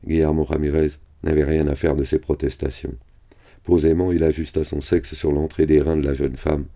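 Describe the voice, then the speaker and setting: Male reader with an extremely deep, dark voice, flat and steady, reading a novel aloud.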